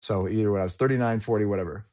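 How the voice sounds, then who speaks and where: Podcast guest, forties male, lower register, earnest and reflective with casual asides. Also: rapid-fire, darkish tone. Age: 40s. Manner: candid, reflective storytelling with slangy asides.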